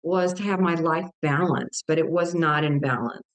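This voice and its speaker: A woman's voice: low voice, normal speed. Older woman telling an earnest testimony. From Texas. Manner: earnest, emotional storytelling with vivid quoted dialogue. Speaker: guest author. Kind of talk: personal testimony in an interview.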